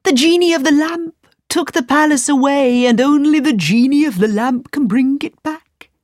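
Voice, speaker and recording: A bowing magical genie answers his master with polite deference, as a woman puts him on. His voice jumps fairly high. It is a storybook reading recorded dry and close. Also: normal speed, a little mellow, no echo, natural voice. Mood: deferential. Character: bowing male genie of a ring, servile.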